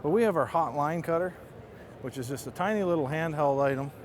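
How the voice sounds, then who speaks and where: A man giving a casual, conversational product demonstration, explaining things like a marketing rep. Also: a little fast. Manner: explanatory, conversational sales pitch. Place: trade show booth. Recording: busy trade show crowd behind.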